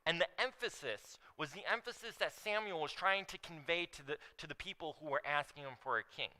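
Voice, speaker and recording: A man's voice: on the high side, fairly quick, pushed and bright, poor audio. A man preaching a sermon in a church, explaining scripture and leaning hard on key words. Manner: emphatic, stresses key words while teaching. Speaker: pastor. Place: church sanctuary.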